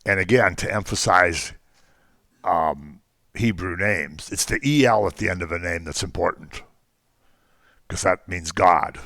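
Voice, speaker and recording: Deep-voiced man teaching a Bible class. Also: measured pace, vocal fry, pauses often, fairly bright tone, no room sound, studio quality. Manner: conversational, jokey asides, frequent ums. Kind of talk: informal Bible class lecture.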